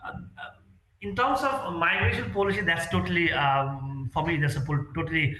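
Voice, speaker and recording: A man, speaking in a fairly high, bright and forceful voice. He answers interview questions earnestly, pausing on fillers and restarting his sentences. The room around him rings with echo. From Nepal. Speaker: real estate sales executive, guest.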